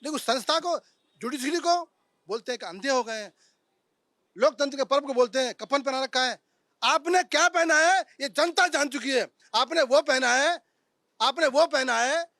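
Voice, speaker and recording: A man speaks in a heated television panel debate, declaiming and repeating his points with rising force. His voice sits very high and sounds bright and forceful. The sound is close and dry. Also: no echo. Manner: impassioned, repetitive, declamatory.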